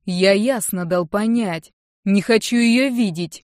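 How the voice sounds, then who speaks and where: A woman reading an audiobook, voicing a sullen, stubborn young man who answers tersely and flatly. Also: medium pitch, takes it slowly, no echo, clean studio sound, lightly acted. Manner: flat, terse and defiant.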